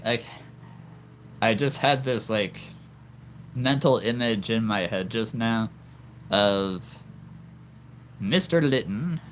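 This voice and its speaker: A livestream host chats casually in a lowish voice, laughing often and stammering over repeated words. There's a bit of background noise.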